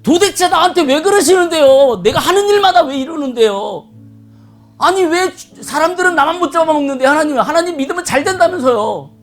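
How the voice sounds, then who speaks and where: A man's voice: very high voice, lively intonation, fairly quick, voice pushed up. A man acting out a frustrated believer who whines and pleads with God. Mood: exasperated. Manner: whiny, exasperated pleading. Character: whining complaining believer, adult, pleading with God.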